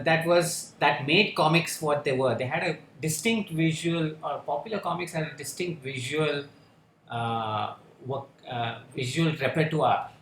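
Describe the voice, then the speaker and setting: A man speaking on a panel discussion, halting and full of fillers and restarts. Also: on the high side, fairly bright tone, slight background noise. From India. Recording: echoey room with faint ambience.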